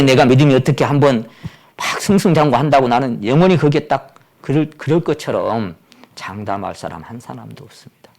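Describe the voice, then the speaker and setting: A man's voice: medium pitch, vocal fry. Dramatic male pastor preaching. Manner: dramatic, swings from loud exclamations to near-whispers. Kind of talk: sermon.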